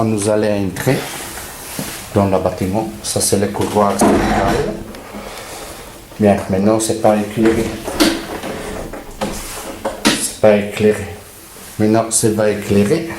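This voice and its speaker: A man from Italy with an Italian accent, speaking halting non-native French as he narrates an informal video tour of a building. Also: lowish voice, dark tone. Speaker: resident filming a walkthrough of their building. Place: around and inside an apartment building entrance and corridor. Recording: clear background noise, handheld on-location sound.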